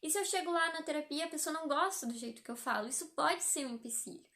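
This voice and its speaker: A woman's voice: sits high, fast talker, pushed and bright. A young Brazilian woman, a psychologist, talking casually and explaining things on a live stream, with lots of fillers. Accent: Brazilian Portuguese. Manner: chatty and explanatory, with many fillers.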